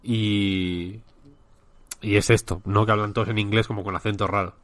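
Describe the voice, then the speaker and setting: A man's voice: lowish voice, flat delivery, moderate pace, a bit bright, no echo. A man with a Spanish accent, co-hosting a casual chat and rambling with many restarts. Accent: Spain. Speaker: podcast co-host.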